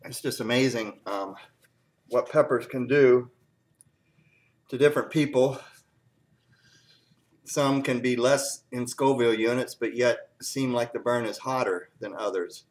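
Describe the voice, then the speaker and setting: The heat has this man teary as he does a casual review of hot peppers. Throat-clearing keeps interrupting his halting, filler-heavy talk, delivered in a mid-range voice.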